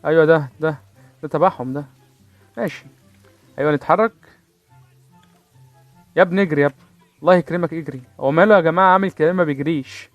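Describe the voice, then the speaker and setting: A man's voice: a little high, fast, pauses often, dry recording, faint music behind. A man with an Egyptian accent giving casual, playful gameplay commentary, joking with his viewers and mouthing gunfire sounds. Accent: Egyptian Arabic. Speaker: gaming channel host.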